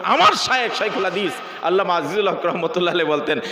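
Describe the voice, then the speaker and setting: A man preaching a sermon in a storytelling manner that builds into shouted fervor, over loudspeakers at a large gathering. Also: high-pitched, lively intonation, fast, crowd noise. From Bangladesh. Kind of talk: sermon at an outdoor religious gathering. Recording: echoey hall, public address sound.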